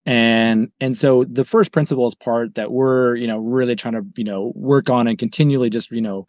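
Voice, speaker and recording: Fast-talking startup CEO, dry close sound. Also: male voice, mid-range voice, steady tone, a little mellow, no echo. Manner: fast, loose, full of restarts and fillers like "you know". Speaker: startup CEO, podcast guest. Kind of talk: casual podcast conversation.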